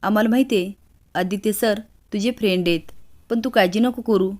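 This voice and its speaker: A woman voicing a loyal, kindly male driver in a serial recap, reading in a gentle, reassuring way. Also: medium pitch, fairly quick, lightly acted.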